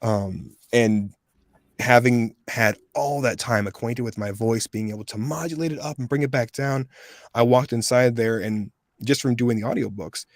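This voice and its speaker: He has a medium-pitched voice and there's no room sound. As a guest voice actor from the USA in his thirties, he chats in a casual interview, telling lively stories and voicing each person he quotes.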